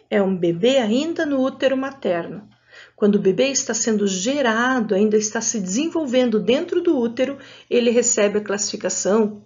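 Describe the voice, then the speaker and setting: A woman teacher with a Brazilian Portuguese accent giving a patient, clearly articulated lesson to adult students, spelling out sounds. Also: high-pitched, darkish tone, dull audio.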